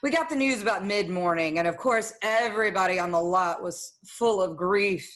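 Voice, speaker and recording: Playing a scheming young woman at a studio who is quietly complicit in murder, she narrates as if confessing in a 1940s radio noir, tense and confiding. The delivery is lightly acted, medium in pitch, moderately paced and a bit bright.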